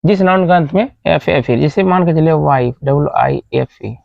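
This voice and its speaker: Gravelly man spelling out words. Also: fairly high pitch, normal speed, no room sound. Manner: repetitive, spells words letter by letter; asks the class questions, then answers them. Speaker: teacher. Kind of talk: spoken grammar lesson. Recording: dull lo-fi dry recording.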